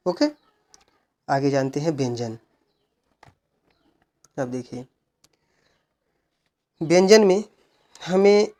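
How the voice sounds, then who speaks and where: A male teacher giving an exam-prep grammar lesson, who asks questions and answers them himself while explaining slowly and repeating key points. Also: high-pitched, darkish tone. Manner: slow, repeated explaining with frequent "look" and "okay".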